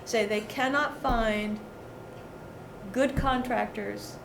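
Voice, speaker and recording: A woman's voice: a little high, steady tone, takes it slowly. A woman talking in an outspoken, conversational way at a committee meeting. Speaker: committee member at a local meeting. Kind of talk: informal meeting discussion. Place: indoor meeting room. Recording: echoey meeting room with clear background noise.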